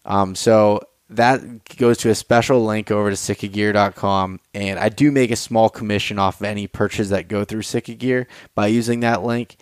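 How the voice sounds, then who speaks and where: Podcast host: American man, smooth lower register, dry sound, casual and slightly hesitant delivery. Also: fairly even intonation, moderate pace, hardly any pauses, no echo. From Pennsylvania, United States.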